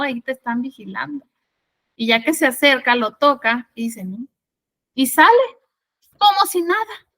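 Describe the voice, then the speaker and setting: A woman's voice: sits high, sharp tone. A woman giving a spiritual lesson, explaining her points through rhetorical questions. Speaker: spiritual teacher.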